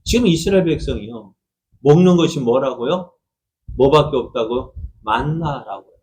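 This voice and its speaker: A man's voice: mid-range voice, animated, normal speed, darkish tone, low-quality recording. A middle-aged man preaching a Sunday sermon. He talks conversationally, keeps asking the congregation questions, and acts out quoted speech in a raised voice. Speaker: pastor.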